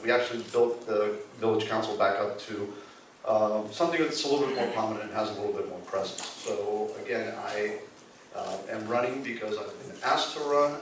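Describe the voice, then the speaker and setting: A man's voice: on the low side, slight background noise. A man in his sixties from Cuba, giving a friendly, joking campaign speech at a community forum. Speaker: candidate speaking at a community forum. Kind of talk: public speech. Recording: echoey hall from far off.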